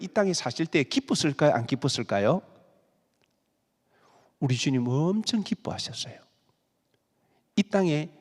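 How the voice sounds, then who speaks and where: A man's voice: a little high, darkish tone, big-room sound. A male pastor preaching a sermon, acting out pleading prayers in dramatic voices.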